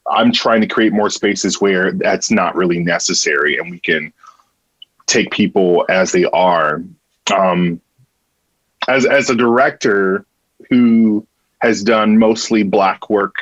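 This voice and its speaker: A man's voice: sits low, slow, no room sound, dull audio. A man who works as a theatre director, talking earnestly in a casual conversation and often restarting and repeating words.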